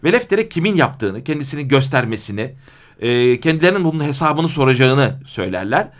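A man who is a guest in a radio studio lays out historical events at a slow, deliberate pace. He pauses often and fills the gaps with hesitation sounds, and his voice sits at an ordinary pitch. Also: very animated. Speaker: studio guest, legal scholar. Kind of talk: radio interview, explaining history.

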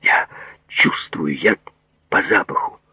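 A man voicing a paranoid, excitable middle-aged businessman, jumping between whispers and shrill outbursts. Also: slow pace, no echo. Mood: boastful. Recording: thin phone-like audio.

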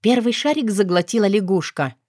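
Expressive woman narrating an audiobook. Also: mid-range voice, brisk, dry recording, clean studio sound. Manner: expressive storytelling.

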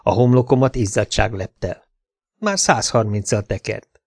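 A man's voice: lowish voice, expressive, creaky, a little mellow, no echo. A man reading a crime novel aloud in dry first-person narration, giving the cops their own voices. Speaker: audiobook narrator.

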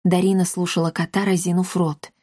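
A woman narrating a storybook in a lively, expressive reading. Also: lowish voice, fairly quick, breathy edge, no room sound, studio quality. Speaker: audiobook narrator.

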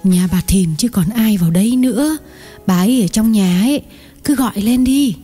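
A man's voice: high voice, normal speed, mellow, breathy edge, long reverb tail, soft background music, voice pushed up. A man voicing a curious elderly neighbor woman in an audiobook, brusque and matter-of-fact.

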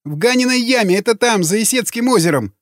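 A man voicing a terrified captured gunman who whimpers and begs in a shrill, trembling voice. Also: expressive, fast, dry recording, studio quality. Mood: frightened. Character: terrified captured young male gunman, begging.

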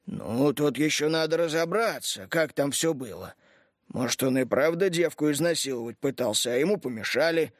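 A man reading an audiobook, voicing a stubborn, pompous army major who lectures slowly and stiffly. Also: on the high side, expressive, no echo, clean studio sound.

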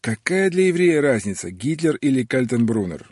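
A man's voice: mid-range voice, big pitch swings, normal speed, a little mellow, husky, no room sound. A man voicing a smug, commanding male general in an audiobook. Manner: self-satisfied, commanding.

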